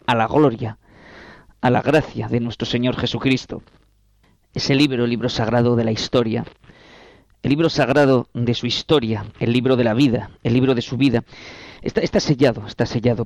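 A man preaching a sermon as a priest, reading scripture aloud with slow, solemn, repetitive phrasing. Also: mid-range voice, darkish tone, dry recording.

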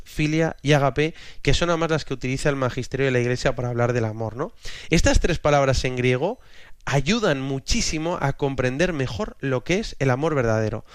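A man's voice: medium pitch, clear, resonant tone, dry recording, clean studio sound. A man in his thirties giving a religious teaching talk, explaining patiently and often ending phrases with a questioning tag.

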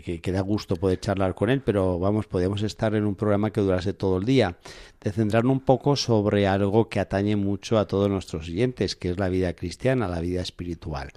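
A man's voice: fairly low pitch, mellow, no echo. A man, a priest, hosting a radio interview in a friendly, conversational way in a studio. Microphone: studio microphone.

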